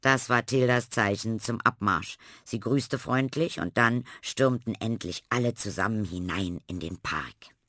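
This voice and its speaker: Bright-voiced man reading a children's story. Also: lowish voice, unhurried, dry recording, clean studio sound. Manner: lively, expressive storytelling. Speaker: narrator.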